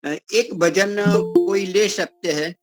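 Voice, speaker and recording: A man hosting a spiritual gathering, inviting speakers in turn and pausing often with fillers. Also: sits high, music in the background, poor audio. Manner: hesitant, pausing with many fillers.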